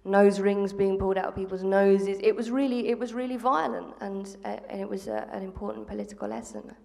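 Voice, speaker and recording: Speaking a little fast into a handheld mic, this English panel guest in her thirties, once a school strike organiser, addresses a theatre audience earnestly, restarting often and saying um a lot. Her voice is mid-range, creaky and darkish, with fairly even intonation, and the live panel is steeped in the theatre hall's long reverb.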